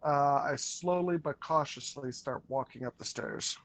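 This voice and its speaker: A man's voice: on the high side, unhurried, dry recording. A man talking casually as a player in a tabletop role-playing game.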